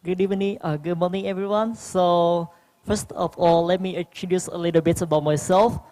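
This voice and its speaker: A young adult with a Vietnamese accent delivers a prepared speech as a youth forum panelist, hesitating often with restarts and fillers. The voice is mid-range, steady, and warm.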